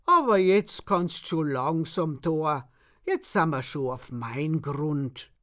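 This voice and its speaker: A woman's voice: on the high side, sing-song, slow, a bit bright, voice pushed up, full character voice. A woman voicing a sly, stubborn farmer of about sixty, speaking blunt and emphatic. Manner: crafty, blunt dialect speech, raised and emphatic.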